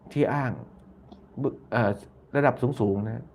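A man hosting a casual live stream, talking at a mid-range pitch. He reads out viewer comments and mulls them over aloud. He circles back on his own phrases and softens his lines with polite particles. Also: unhurried, creaky, slight background noise. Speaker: YouTube channel host.

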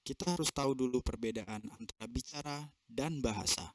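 A man's voice: medium pitch, fairly quick. A man giving consecutive interpretation of a seminar over a video call, translating phrase by phrase with fillers and self-corrections.

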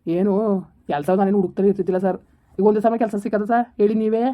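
A woman playing an aggrieved husband who rapidly complains about his wife in a village family drama. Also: medium pitch, warm tone, lightly acted. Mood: bitter. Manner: rapid, complaining, pleading to an officer. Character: aggrieved middle-aged husband, bitter toward his wife. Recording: dull lo-fi recording.

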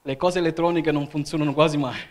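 A man from Italy preaching a sermon as an evangelist in a church, often calling "Amen?" to the congregation. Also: fairly high pitch. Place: church hall.

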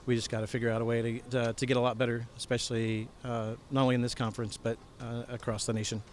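Middle-aged coach, flat, halting speech. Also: male voice, medium pitch, a little hiss or hum. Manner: hesitant, many fillers and restarts. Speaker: head coach. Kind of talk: post-game interview. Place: indoor bowling alley. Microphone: handheld microphone.

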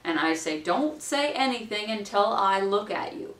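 A woman's voice: medium pitch, animated, moderate pace. A woman in her forties, a wedding minister, giving practical training to camera in a chatty way, playfully acting out what people say. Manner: chatty, practical, acts out quotes with a bright lilt. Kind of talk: instructional talk to camera. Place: small room at home, indoors. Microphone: camera mic at a distance. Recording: roomy, distant camera sound.

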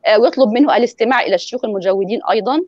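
Fast-talking woman explaining recitation. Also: on the high side, a little mellow, no echo, lo-fi sound. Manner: explanatory, demonstrates pronunciation by example. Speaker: guest lecturer on Quran recitation. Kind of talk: online lecture and Q&A.

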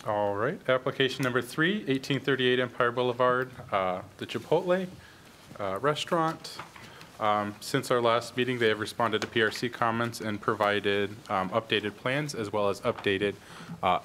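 A man with a low voice briefs a planning board as town staff, matter-of-fact and sprinkled with "um"s. He speaks in a council chamber with faint background noise. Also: fairly bright tone. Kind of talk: staff report at a public meeting.

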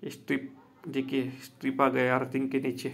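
Recording on a handheld phone from a rooftop, a Maharashtrian man who runs a solar installation business talks viewers through the job. He speaks in a medium-pitched monotone at a moderate pace. His commentary is plain and repetitive, and he addresses the audience as friends.

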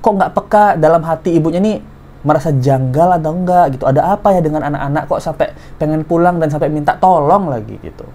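Animated man commenting. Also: a little high, fast talker, a little hiss or hum. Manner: animated, exclaiming, voice jumps up and down. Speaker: commentary host. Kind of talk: casual online commentary, reading messages aloud.

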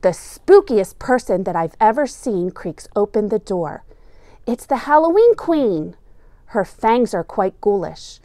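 The clip has clean studio sound with no room tone, as a middle-aged woman teacher reads a children's picture book aloud. She speaks in a mid-range voice, deliberate and expressive like a storyteller.

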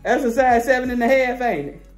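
A man's voice: extremely high pitch, brisk. Man, family vlog host, playful baby talk, faint music behind. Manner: playful baby talk to an infant, then a direct address to viewers. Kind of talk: casual family vlog chat. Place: at home.

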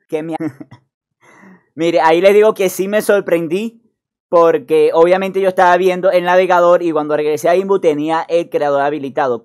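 Guy yapping over his game footage, kinda high voice, all wow and exclamations. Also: a little mellow. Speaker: gaming youtuber. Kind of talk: casual screen-recording commentary.

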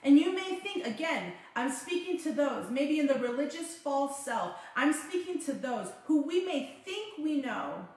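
High-voiced woman preaching in an echoey room. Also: sing-song, a little slow, hardly any pauses. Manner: fervent, repeats phrases for emphasis. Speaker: pastor. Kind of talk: sermon.

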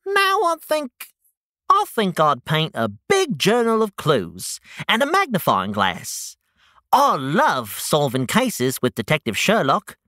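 A man's voice: fairly high pitch, wildly swooping pitch, takes it slowly, bright, forceful tone, dry recording, clean studio sound, exaggerated voice. A man voicing a jovial, courteous rabbit with a genteel, formal manner for a children's storytime podcast. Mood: musing, enthusiastic. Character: jovial, courteous gentleman rabbit detective's helper.

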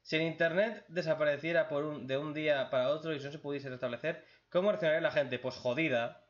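A blunt, joking man from reads out viewer questions and answers them with crude humor in a casual chat. His voice sits a little high for a man. The recording is dull and lo-fi. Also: steady tone, fast.

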